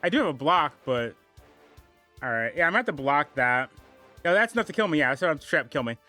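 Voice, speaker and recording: A man playing a tabletop game who talks with a lively, animated swing in his voice. His tone is bright and slightly higher than most men's, with faint music behind him. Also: a little fast. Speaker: player.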